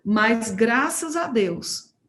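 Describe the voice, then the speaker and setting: Lively woman preaching a personal testimony. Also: a little high, drawn-out words, reverberant. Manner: lively storyteller who acts out dialogue. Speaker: speaker at a church home group. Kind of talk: sermon testimony told as a story.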